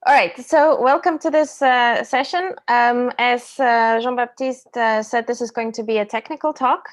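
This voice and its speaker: A woman from Slovakia in her thirties giving a technical conference talk over a video call, explaining clearly with some ums and self-corrections. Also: fairly high pitch, fairly even intonation, normal speed. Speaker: invited speaker. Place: indoor room at home or office.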